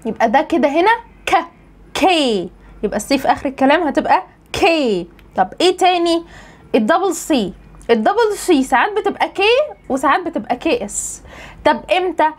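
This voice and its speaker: A woman's voice: high voice, fairly quick. A young woman with an Egyptian Arabic accent, an English pronunciation trainer, explaining a lesson and answering her own questions. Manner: lively teacher, asks and answers own questions.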